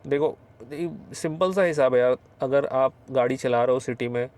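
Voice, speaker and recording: A man's voice: medium pitch, normal speed, darkish tone. A man hosting a casual car review, talking with the owner from inside a moving car. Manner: chatty, friendly, addresses viewers as bhai. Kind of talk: casual ride-along chat.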